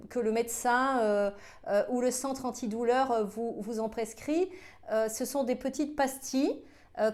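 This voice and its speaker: A woman with a fairly high voice talks casually to her viewers in a vlog. She is cheerful and chatty but hesitant, filling her pauses with many fillers. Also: darkish tone. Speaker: health vlogger.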